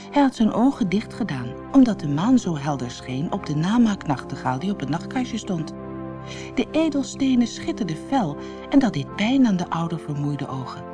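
A woman with a low voice tells a children's fairy tale, her pitch rising and falling with the story. She reads clearly and expressively, as in an audiobook. Music plays softly behind her. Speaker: audiobook reader. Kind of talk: storybook narration. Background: soft music.

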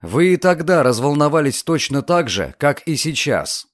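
Curious, self-assured young lawyer, read by a male narrator; animated, pressing delivery. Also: a little high, normal speed, no echo, clean studio sound. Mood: insistent.

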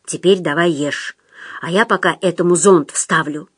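A woman voicing a manipulative male psychiatric patient who talks in a low, insistent, conspiratorial way. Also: normal speed, breathy edge, no echo, clean studio sound. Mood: scheming.

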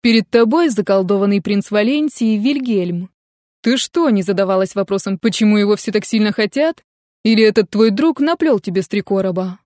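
A woman's voice: medium pitch, brisk, darkish tone, no room sound, clean studio sound, close to an everyday voice. A woman voicing a mocking, know-it-all young man in an audiobook, speaking in a teasing, amused way.

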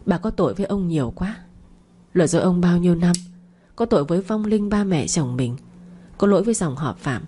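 A woman narrating a dramatic family story in a steady, expressive way. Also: lowish voice, brisk, slight background noise.

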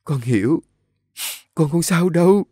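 A man's voice: on the low side, a little fast, warm tone, dry recording, studio quality, close to an everyday voice. A man voicing a tearful middle-aged woman. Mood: sobbing. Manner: tearful, choked.

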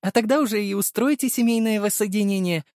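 A man reading an audiobook, voicing a kind young female nurse who speaks softly and reassuringly. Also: high-pitched, fast talker, dry recording, studio quality, voice pushed up, natural voice. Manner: soft, reassuring. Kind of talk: audiobook character voice.

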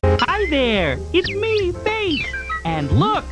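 Speaking extremely slowly in a very high, heavily acted voice full of huge pitch swings, a woman performs a kids' channel mascot. The cheerful cartoon face giggles, jokes and plays with little children, with music in the background.

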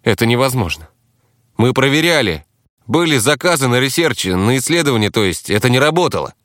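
A man's voice: mid-range voice, very animated, fairly quick, a bit bright, no echo, clean studio sound, pitched above the performer's own voice. A man voicing a scatterbrained, flustered young male summoner in an audiobook. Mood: dazed. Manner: fussy, flustered.

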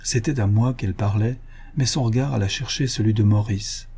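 A man narrating a classic novel in a measured, expressive first-person reading. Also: fairly low pitch, slightly rough. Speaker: audiobook narrator. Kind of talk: literary audiobook narration.

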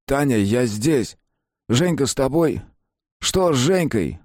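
A desperate husband shouts frantically through the ruins, played by a man. His voice climbs high and strained above the narrator's low register, and the sound stays dry and close. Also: animated, slow, no echo.

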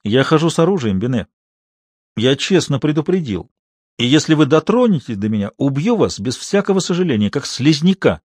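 A man reading a cold, mocking young male actor who stays icy calm and speaks in cutting, sarcastic tones, in an audiobook. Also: on the high side, brisk, no room sound, clean studio sound. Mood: coldly mocking.

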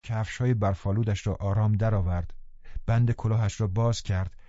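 A man calmly reading a novel aloud as an audiobook narrator, in measured storytelling. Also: lowish voice, no echo. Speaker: audiobook reader. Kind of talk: scripted narration. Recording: dull lo-fi dry recording.

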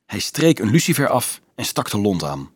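A man reads an adventure story aloud in a dramatic, expressive storytelling manner. His husky voice swings widely in pitch, and the sound is dry and close with no room echo. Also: normal speed. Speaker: narrator. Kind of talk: audiobook narration.

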